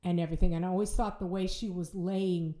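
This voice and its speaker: A middle-aged woman tells her story as a podcast guest. Her voice sits a little low and sounds dark and mellow. The room around her is echoey, and she speaks haltingly, with restarts. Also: steady tone. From Ohio, United States. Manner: halting, with restarts and repeated words. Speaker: bereaved mother, podcast guest. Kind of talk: emotional personal storytelling. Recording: roomy echo.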